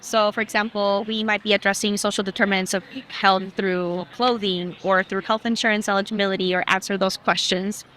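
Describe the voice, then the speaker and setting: A woman's voice: mid-range voice, fairly even intonation, brisk, few pauses, fairly bright tone, a little hiss or hum. A woman, a community health worker, speaking earnestly in an interview clip with some fillers.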